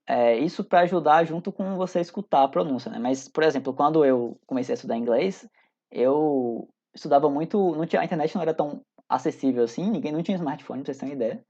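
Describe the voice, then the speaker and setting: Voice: medium pitch, quick pace, warm tone. A teacher in their thirties with a Brazilian accent, giving a recorded class in an informal, chatty way, often hesitating and restarting sentences. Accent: Brazilian Portuguese. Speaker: English teacher. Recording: dull lo-fi audio.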